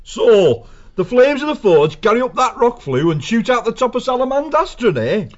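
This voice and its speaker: A man's voice: very high-pitched, sing-song, normal speed, lo-fi sound, voice pushed up, exaggerated voice. A man voicing a cocky young male mouse thief with a jaunty, cheeky manner.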